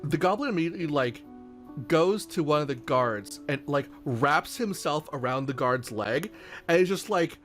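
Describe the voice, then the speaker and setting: A man's voice: a little high, expressive, normal speed, a bit bright, soft background music. A man narrating as game master in a tabletop game, rambling with many fillers.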